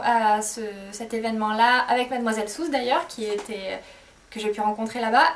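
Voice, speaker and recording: Woman, beauty vlogger, casual, hesitant, high voice, distant mic. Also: a little hiss or hum. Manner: chatty, hesitant with many fillers. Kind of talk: casual chat to camera.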